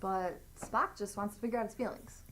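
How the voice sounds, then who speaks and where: A woman's voice: medium pitch, a little fast, sharp tone, slight background noise, lightly acted, poor audio. A woman playing an earnest, insecure acting student in a naturalistic short film. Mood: tentative, eager.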